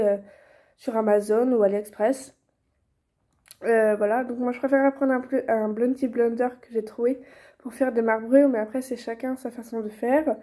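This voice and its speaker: Chatty young woman, mellow voice. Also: on the high side. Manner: chatty, many fillers and restarts. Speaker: vlogger teaching reborn doll painting. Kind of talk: casual tutorial chat.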